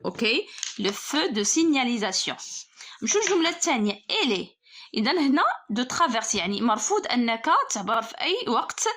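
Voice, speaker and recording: Woman, Moroccan Arabic accent, fairly high voice, teacher, patient step-by-step explanations. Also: very animated, fairly bright tone. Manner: explains step by step, reads French prompts slowly. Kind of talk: exam correction lesson.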